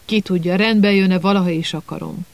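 Man doing spoiled smug schoolboy, whiny, sneering, mock-sympathetic, high raspy voice. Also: fairly even intonation, no room sound. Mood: smug whining.

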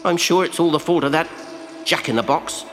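A man's voice: a little high, brisk, big-room sound, voice pushed up, close to an everyday voice. A man voicing a brave, lovelorn male toy tin soldier who speaks earnestly and wistfully. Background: background music.

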